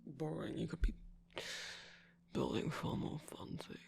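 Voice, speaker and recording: Shadow Milk Cookie, a gravelly whispering trickster voiced by a performer. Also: mid-range voice, little pitch movement, unhurried, a little mellow. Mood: sarcastic. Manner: dismissive, teasing, evasive, with sighs and laughs. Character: sarcastic mischievous male cookie jester, scheming. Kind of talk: ASMR roleplay.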